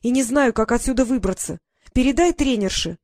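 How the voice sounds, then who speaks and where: A woman's voice: fairly high pitch, a little fast, a little mellow, no echo, clean studio sound, voice pushed up, natural voice. Embarrassed teenage girl, read by a woman, hesitant, storybook. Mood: urgent. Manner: mumbling, hesitant.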